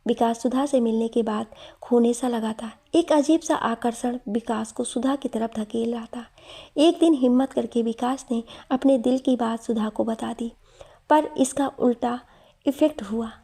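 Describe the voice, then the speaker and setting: A woman narrating an emotional romantic story in a steady, emotive storytelling manner. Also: fairly high pitch, a little slow, breathy edge.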